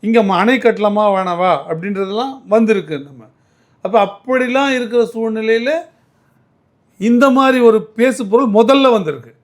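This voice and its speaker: A man's voice: sits high, moderate pace. A man answering as a political commentator in an interview, arguing emphatically and often restarting his words.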